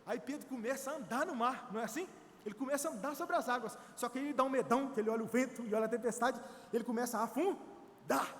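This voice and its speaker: Brazilian male missionary preaching, very high voice, animated and exhorting, church reverb. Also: fast talker. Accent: Brazilian Portuguese. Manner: animated, acts out quotes, exhorts the congregation. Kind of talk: sermon.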